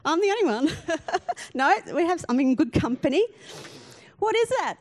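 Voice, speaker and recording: A woman's voice: very high voice, big pitch swings, normal speed. A woman pastor giving a sermon in a conversational, self-deprecating way, often putting questions to the congregation.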